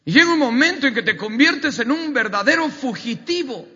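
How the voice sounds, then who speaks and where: High, bright-voiced preacher. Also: male voice, animated, normal speed, slightly rough. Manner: emphatic, repetitive preaching with rising outbursts. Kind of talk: sermon. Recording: dull audio with long hall reverb.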